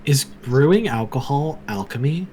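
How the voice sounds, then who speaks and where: A man's voice: medium pitch, animated, unhurried, dark tone, a little hiss or hum. A man chatting as a player at a tabletop game, laid-back and joking.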